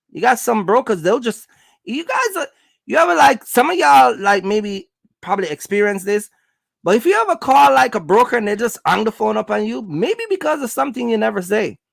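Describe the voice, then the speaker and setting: Giving business advice in a laid-back Q&A for viewers, a man speaks in slangy, colloquial terms and keeps repeating himself for emphasis, urging his points. His high-pitched voice is creaky, and the recording has no echo.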